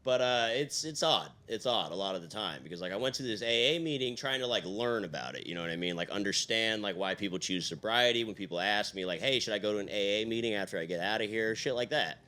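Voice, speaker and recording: A young man doing a deadpan stand-up set on a stage mic, padding his lines with fillers and "all right?". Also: lowish voice, quick pace, few pauses. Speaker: stand-up comedian.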